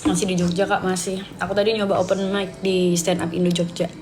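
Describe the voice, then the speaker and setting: With a fairly low voice, flat delivery, and a brisk pace, an Indonesian woman from Sidoarjo, East Java, hosts a casual late-night livestream. She rambles in slang and reads viewers' comments aloud as she replies to them, with music in the background.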